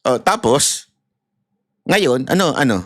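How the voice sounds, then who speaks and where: A man's voice: mid-range voice, animated, takes it slowly, a bit bright, no room sound, studio quality. A man in impassioned political commentary, ranting and mocking, with laughs and acted-out voices. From Philippines.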